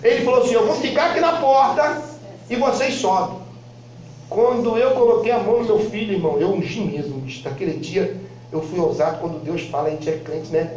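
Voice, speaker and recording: A man with a very high voice gives a fervent church testimony, acting out the people in his story and bursting into shouts. He is from Brazil. The sound is very echoey and distant, picked up from across a church hall. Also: brisk, dull audio, slight background noise. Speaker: church member giving testimony. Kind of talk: impassioned testimony preaching. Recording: very echoey hall, mic far off.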